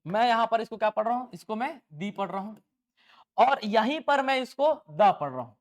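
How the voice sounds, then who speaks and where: Guy teaching english class, really high voice, asks and answers his own questions, says notes over and over slowly. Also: lively intonation. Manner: dictates slowly, repeats lines for note-taking. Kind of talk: classroom lecture.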